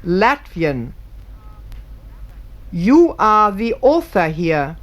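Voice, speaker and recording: A woman's voice: medium pitch, big pitch swings, drawn-out words, heavy background noise. A woman giving formal, scripted narration, reading carefully and precisely.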